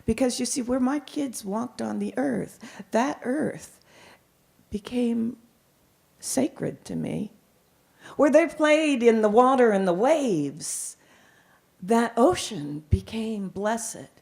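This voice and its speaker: A middle-aged woman performing as a live storyteller, with dramatic, deliberate phrasing and frequent repetition. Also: fairly high pitch, expressive, creaky, a little mellow. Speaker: professional storyteller.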